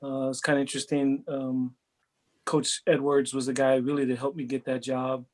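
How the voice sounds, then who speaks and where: A man's voice: mid-range voice, flat delivery, normal speed, a little mellow. Earnest middle-aged man from Hawaii. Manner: earnest, reflective, repeats words as he thinks. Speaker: head football coach. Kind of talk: interview answers, casual chat.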